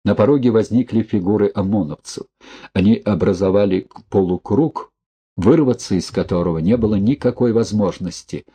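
A man reading a thriller novel aloud as an audiobook narrator in a steady, even storytelling manner. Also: lowish voice, moderate pace, breathy edge. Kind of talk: scripted narration.

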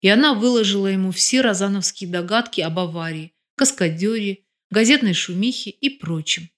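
Woman audiobook narrator, steady even read. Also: mid-range voice, moderate pace.

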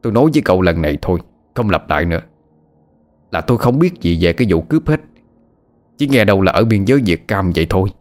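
A man's voice: low-pitched, big pitch swings, quick pace, pauses often, a little mellow. A man voicing a frightened, evasive old shopkeeper who talks in a whiny, pleading way.

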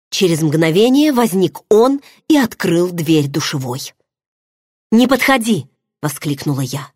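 A woman with a low, husky voice reads a romance novel aloud, bringing feeling and drama to each line. The recording is close and dry, with no room sound. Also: darkish tone, dry recording. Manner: emotive, dramatic reading. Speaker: audiobook narrator. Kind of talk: first-person novel narration.

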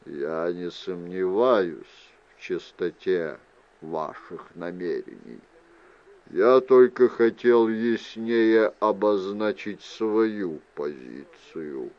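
A man's voice: deep voice, very slow, muffled recording, voice pushed down, full character voice. A man reading an audiobook, voicing a suave, guarded older half-brother who is a lord of Chaos, formal and dryly ironic.

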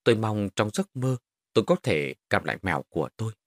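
Husky man narrating a horror story. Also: lowish voice, fast, no echo, clean studio sound. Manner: dramatic, expressive storytelling.

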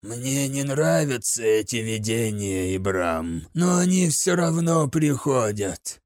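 Creepy witch girl whispering real slow as a guy puts her on, dry close sound. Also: mid-range voice, lively intonation, a little mellow, no echo. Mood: eerie whisper. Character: eerie young witch girl, creepy and unsettling.

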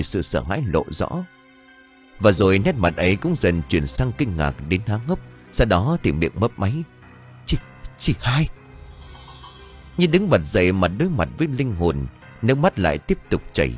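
A man narrating an audiobook story with expressive delivery. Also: deep voice, breathy edge. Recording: faint background music.

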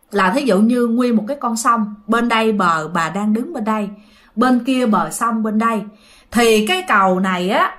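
A woman's voice: on the high side, fairly bright tone. A woman with a Southern Vietnamese accent telling a ghost story and talking directly to her listeners. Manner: chatty, addresses listeners directly.

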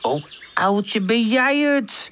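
A woman voicing an eager, impulsive male puppy in a children's audiobook, breathless and excitable. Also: on the high side, very slow, a little hiss or hum, voice pushed up, heavily acted. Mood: cheerful.

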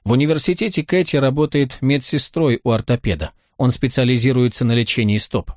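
A male narrator lends his voice to a warm, talkative young mother in a storybook reading. She chats on with a gently worried tone, pitched a touch above the reader's own voice. The recording is dry and close. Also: brisk, no echo, lightly acted. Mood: chatty. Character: kind warm mother, woman in her thirties.

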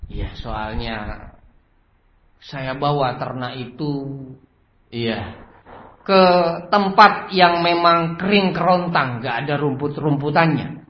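A man voicing a lazy male servant who answers meekly and slowly, shrugging everything off as fate. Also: medium pitch, lightly acted. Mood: resigned. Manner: mumbling, slow, resigned. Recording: roomy, slightly dull recording with faint noise.

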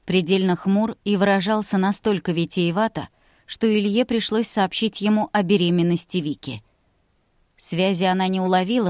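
Woman reading an audiobook, steady even voice, mid pitch, close dry sound. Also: dry recording. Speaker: audiobook narrator. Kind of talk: scripted narration.

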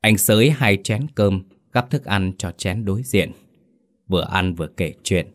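A man narrating a story slowly and gently, in a somber tone. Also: deep voice. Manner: slow, gentle, somber reading.

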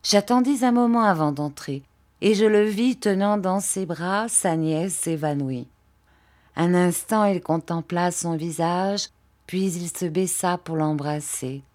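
A woman narrating a classic novel as an audiobook, in a measured and expressive way. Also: fairly low pitch.

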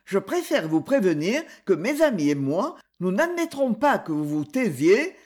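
In an audiobook, a reader voices a young woman detective who is cool and cold-commanding, yet can drop into a stammering, tipsy act before snapping back to icy command. The voice is mid-range with a darkish tone, a little slow, and swings widely in pitch.

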